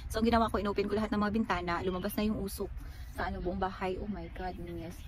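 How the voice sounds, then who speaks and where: A woman's voice: medium pitch, fairly even intonation, fast talker. A woman from the Philippines, vlogging on a handheld phone at home, shaken and scared and exclaiming often. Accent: Filipino. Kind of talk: casual vlog, filmed by phone. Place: at home and just outside the house. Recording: noisy phone recording.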